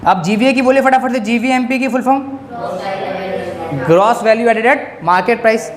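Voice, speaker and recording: A male economics teacher giving a classroom-style lecture, drilling his students with quick questions. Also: very high-pitched. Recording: echoey room.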